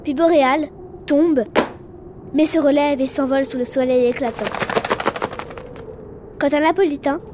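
A woman narrating a children's animal story in a calm, even storytelling voice. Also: high-pitched, measured pace, pauses often, noisy background.

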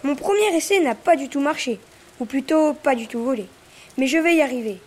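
A woman's voice: high-pitched, animated, a little fast, darkish tone. A woman voicing an eager, determined young male eagle in a storybook, spirited and exclaiming. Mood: earnest. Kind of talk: storybook voice acting.

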